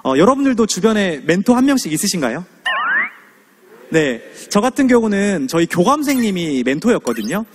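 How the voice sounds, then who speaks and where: Animated man telling lecture stories. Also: high voice, brisk, slight background noise. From Suwon, South Korea. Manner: animated, asks the audience questions, acts out scenes. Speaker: guest lecturer. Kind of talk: motivational lecture with storytelling.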